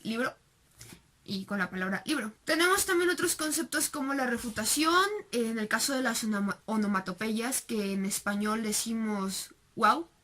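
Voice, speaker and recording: A young woman with a Mexican Spanish accent walks through a recorded class presentation. Her voice sits slightly high, and she explains step by step, filling pauses and tagging points with rhetorical questions. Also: animated, bright, forceful tone. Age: young adult. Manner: explanatory, with frequent fillers and rhetorical tags. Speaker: student presenter.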